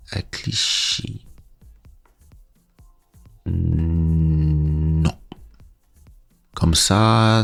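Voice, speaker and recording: A man with a very low, gravelly voice talks casually into a podcast-style microphone. He answers viewer questions from a livestream chat at an easy, unhurried pace. Faint music plays quietly behind him. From Congo, raised in France from age seven. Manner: relaxed and unhurried, pauses with filler sounds. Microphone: dynamic podcast-style microphone.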